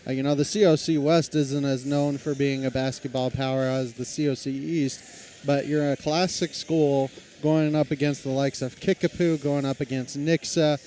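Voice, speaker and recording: A man announcing a high school basketball game play-by-play, talking in a casual, conversational way. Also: fairly even intonation, normal speed, hardly any pauses, warm tone, slight background noise. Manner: conversational, reads lineups, self-deprecating.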